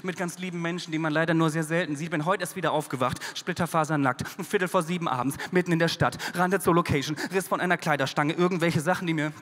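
A man performing a rhymed poetry slam on a concert hall stage, dramatic, swinging from hushed to loud. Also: fairly high pitch, steady tone, fast, hardly any pauses. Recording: long concert-hall reverb.

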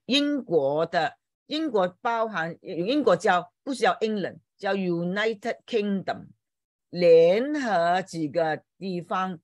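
A woman with a fairly low voice teaches English over a video call. She explains patiently, repeats each word and spells it out letter by letter. The sound is dry and close, with no room around it. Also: no room sound. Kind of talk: online English lesson explained in Chinese. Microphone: computer mic on a video call.

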